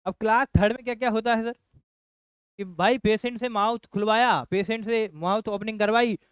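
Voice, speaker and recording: A man's voice: high-pitched, fairly even intonation, fairly quick, clear, resonant tone, dry recording. A man teaching a nursing lecture who repeats key phrases and keeps asking his class rhetorical questions. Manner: addresses students as children. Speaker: nursing coach.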